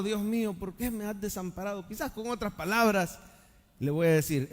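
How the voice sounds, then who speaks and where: A male pastor, preaching live to his congregation in a high, ringing voice. He swings between loud calls and hushed, intimate lines, asking the people for amens. His voice trails off into a long church-hall reverb. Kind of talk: live sermon. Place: church sanctuary during a live service.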